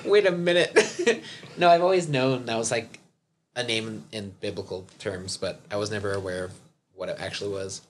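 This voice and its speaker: A man's voice: lowish voice, brisk. Podcast co-host guy tossing in jokes and questions, laughs a lot, slight hiss behind him. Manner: jokey interjections, laughs often. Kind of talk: casual podcast banter.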